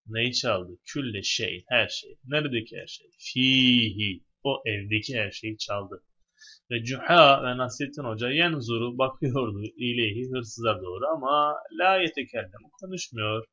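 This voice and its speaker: Bright-voiced male teacher, word-by-word translation. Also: mid-range voice, husky, muffled recording. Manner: reads a phrase in Arabic, then translates it word by word; explanatory, addresses students directly. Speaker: religious high school Arabic teacher. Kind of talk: classroom lesson, reading and translating a text.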